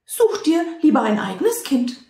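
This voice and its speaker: A woman's voice: sits high, very animated, moderate pace, dark tone, voice pushed up. A woman voicing a dismissive teddy bear who stammers, reading a storybook aloud. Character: haughty other teddy bear. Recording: roomy echo.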